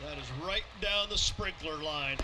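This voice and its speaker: Man as easygoing, higher-voiced golf commentator. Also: measured pace, background noise, lightly acted. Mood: easygoing, approving. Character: easygoing male golf color analyst. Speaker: golf commentator, color analyst. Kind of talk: golf commentary in a sports video game.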